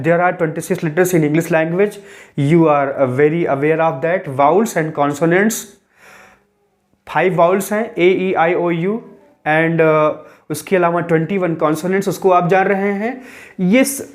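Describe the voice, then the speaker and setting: A man's voice: a little high, slow. A man teaching English grammar in a patient, step-by-step explanatory lecture, dropping English terms into his talk.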